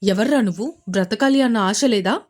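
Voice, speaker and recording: A woman voicing a crude, boastful young male villain who shouts taunts in a storybook reading. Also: mid-range voice, moderate pace, lightly acted. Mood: menacing.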